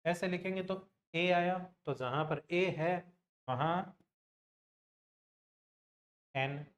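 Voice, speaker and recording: Man, teacher, exam grammar lesson, slightly high voice, keeps asking and answering, sounds words out slowly. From Rajasthan, India. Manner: repeats questions to the class and answers them; slows down to spell out and sound out example words.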